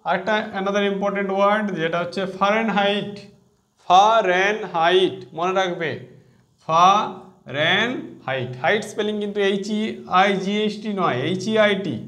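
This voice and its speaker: Bengali male teacher, high voice, drilling exam spellings letter by letter. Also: a bit bright. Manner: spells words letter by letter, repeats key words slowly. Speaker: English teacher. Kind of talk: exam-prep spelling lesson.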